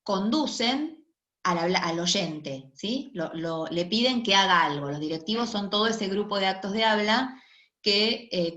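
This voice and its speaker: A woman's voice: medium pitch, fairly bright tone. A woman lecturer explains linguistics in a recorded online class, often checking in with her listeners. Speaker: university lecturer. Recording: echoey room, dull lo-fi sound.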